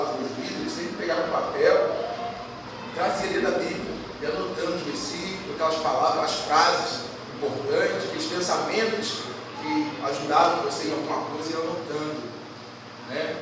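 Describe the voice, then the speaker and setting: A man's voice: on the high side, normal speed. A man from Brazil preaching a sermon, emphatic and quizzing the congregation as he cites scripture. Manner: emphatic, asks the congregation questions and quotes scripture. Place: church hall. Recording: echoey church hall from far off, noisy.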